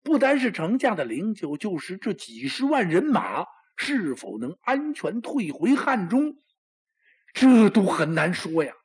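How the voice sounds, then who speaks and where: Dramatic male storyteller with a husky voice. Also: sing-song, measured pace. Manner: dramatic, exclamatory, with lots of pitch swings. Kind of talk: traditional Chinese storytelling.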